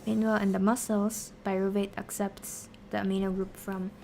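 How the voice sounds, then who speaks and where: Woman on a study stream explaining science q&a, kinda talking to herself, medium pitch, a bit of noise behind her. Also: flat delivery, normal speed, creaky, mellow. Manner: talks to herself while working through answers. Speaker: streamer teaching biochemistry. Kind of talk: casual study-stream explanation, question and answer.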